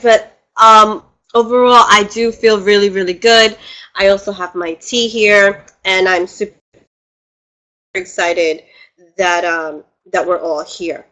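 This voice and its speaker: A woman hosts a casual live webinar, her mid-range voice pushed and bright. She's a spiritual teacher, bubbly and chatty, congested from a cold and laughing often as she greets people, heard through a computer mic on a video call.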